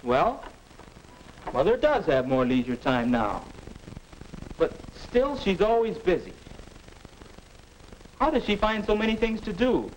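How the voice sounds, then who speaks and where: Teenage boy, skeptical, questioning, high and animated voice, 1950s instructional film. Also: a little slow, pauses often. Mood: puzzled, curious. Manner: earnest, questioning. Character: restless, skeptical teenage boy with time to spare. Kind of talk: 1950s educational film acting. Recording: noisy 1950s film soundtrack.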